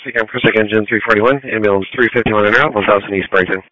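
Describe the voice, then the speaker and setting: A man with a fairly low voice radios in as fire crew. He speaks quickly and matter-of-factly in procedural phrases, through a dull, dry radio channel. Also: steady tone. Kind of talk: clipped fire radio traffic. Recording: dry, muffled two-way radio.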